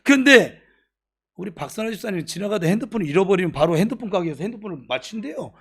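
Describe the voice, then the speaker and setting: A woman pastor preaching in a church, in an animated, chatty and humorous manner, with bursts of shouting. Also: mid-range voice, fast. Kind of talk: sermon.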